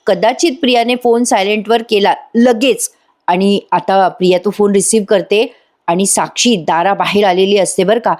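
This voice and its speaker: A woman's voice: medium pitch, moderate pace, a little mellow. A woman narrating a voice-over episode recap, chatty and talking straight to viewers. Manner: chatty, addressing viewers directly. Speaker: TV serial reviewer.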